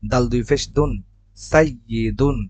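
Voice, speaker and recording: A man teaching Quran reading, spelling out letters and vowel marks one by one and then blending the syllables slowly. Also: medium pitch, darkish tone, no echo. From Bangladesh. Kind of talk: step-by-step recitation lesson.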